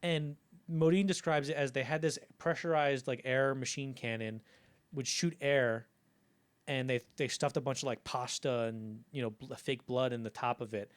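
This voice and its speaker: Animated man telling film stories. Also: medium pitch, normal speed, clear, resonant tone. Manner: animated storyteller, acts out quotes, swears casually. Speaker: podcast co-host. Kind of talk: casual film podcast chat.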